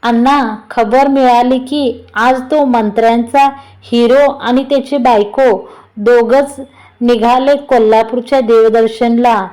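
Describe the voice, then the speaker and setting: Woman reading a boastful rustic tipster man, sly, high mellow voice. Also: poor audio. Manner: rustic speech, sly bragging.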